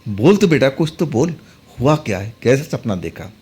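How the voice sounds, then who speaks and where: A man's voice: medium pitch, big pitch swings, normal speed, a little mellow, breathy edge, soft background music. A man voicing a worried village mother who pleads with her feverish son. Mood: anxious. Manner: anxious, pleading.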